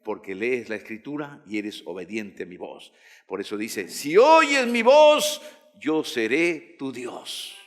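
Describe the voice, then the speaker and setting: A man preaching a sermon, emphatic, rising to loud calls and dropping low. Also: expressive, unhurried. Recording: long hall reverb.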